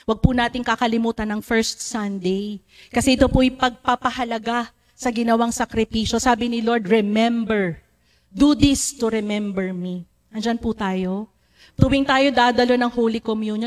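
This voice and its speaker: A woman preaching a sermon, telling stories in an animated way and acting out the voices she quotes. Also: on the high side. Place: church.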